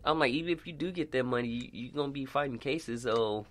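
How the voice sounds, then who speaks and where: A man's voice: medium pitch, fast. A man co-hosting a casual sports talk show, playful and laughing often.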